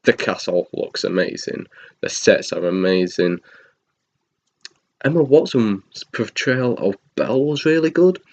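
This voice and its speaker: A man's voice: fairly low pitch, animated, measured pace, darkish tone. A man giving a casual spoken film review, rambling with frequent ums and restarts and the odd chuckle. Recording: dull lo-fi recording.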